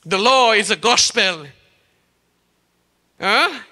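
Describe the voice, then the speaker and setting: High, bright Trinidadian preacher in a reverberant church. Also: male voice, expressive. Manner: rhetorical questions, emphatic drawn-out phrases. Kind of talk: sermon. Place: church sanctuary. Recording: long church-hall reverb.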